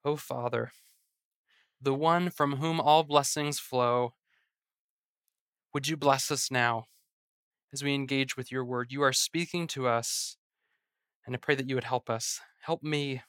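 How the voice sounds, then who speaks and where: Slow, forceful pastor at a pulpit microphone. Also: mid-range voice, clean tone, dry recording, studio quality. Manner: measured, earnest preaching with prayer. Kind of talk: sermon with scripture reading. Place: church sanctuary.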